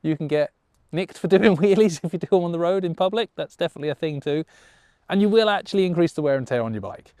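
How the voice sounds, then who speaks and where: A man's voice: fairly high pitch, lively intonation, fast talker, dark tone, no room sound, pitched above the performer's own voice, lightly acted. Grumpy old man lecturing about risks, as a male host puts it on, dry close sound. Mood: grumbling. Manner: grumbling, cautionary lecturing. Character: grumpy old man giving safety warnings.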